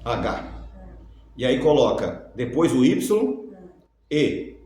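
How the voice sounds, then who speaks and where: A man's voice: medium pitch, sing-song, very slow, darkish tone. A man teaching a Bible lesson, who asks rhetorical questions and answers them himself, and dictates letters for viewers to write down. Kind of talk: religious teaching lecture. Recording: very echoey room.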